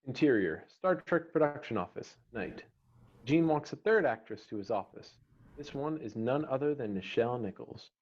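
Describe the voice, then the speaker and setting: A male stage-direction reader gives terse scripted narration in a medium-pitched, expressive voice with a darkish tone at normal speed. The sound is slightly muffled, like an online call.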